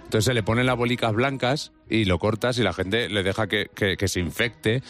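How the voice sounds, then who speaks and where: Bright-voiced joking man. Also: fairly low pitch, faint music behind. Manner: jokey, quick banter with laughs. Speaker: podcast co-host. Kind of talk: casual comedic chat.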